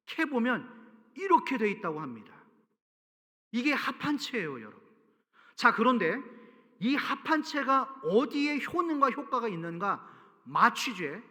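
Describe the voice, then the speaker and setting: A male pastor giving an animated, storytelling sermon and cueing the congregation to read aloud together. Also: extremely high pitch. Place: large church sanctuary. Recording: reverberant church hall.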